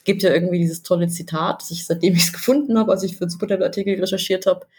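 A woman from southern Germany talks through her ideas on a casual games podcast. Her voice is a little low and husky, and she rambles along with plenty of fillers and slang. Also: steady tone, quick pace, darkish tone.

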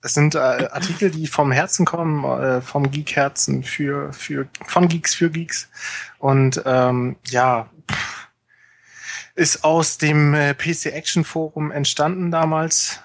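A man guesting on a casual gaming podcast, joking and relaxed, with hesitant fillers. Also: on the high side, slow pace, gravelly.

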